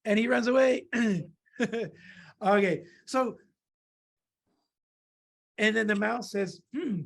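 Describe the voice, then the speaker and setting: A woman reading a children's story aloud and drawing along, lively and laughing, jumping into small character voices. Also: a little high, slow, vocal fry. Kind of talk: storytime read-aloud for kids.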